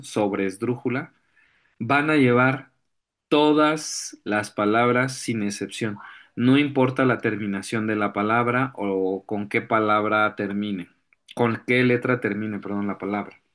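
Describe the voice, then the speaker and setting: Slow, deliberate male teacher. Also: lowish voice, fairly bright tone. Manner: slow, searching for examples, frequent throat clearing and fillers. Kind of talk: virtual class lesson.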